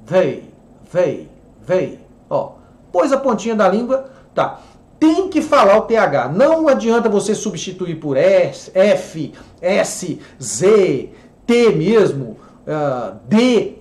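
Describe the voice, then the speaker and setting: A Brazilian man gives an online English pronunciation lesson, his fairly high voice rising and falling a lot. He explains each point and drills words by repeating them slowly. The room rings with echo. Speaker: English teacher.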